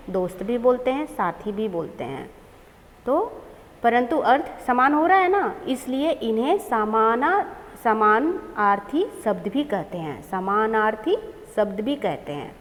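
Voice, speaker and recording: A woman teaches a children's lesson in a slow, unhurried way, going through word after word and repeating them. Her voice sits a little high. A long reverb trails behind her. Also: darkish tone.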